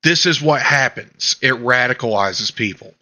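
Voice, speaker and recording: Male host, mid-pitch, forceful bright tone, emphatic ranting commentary. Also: animated, moderate pace. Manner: emphatic, ranting, trailing restarts. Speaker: podcast host. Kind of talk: casual political commentary.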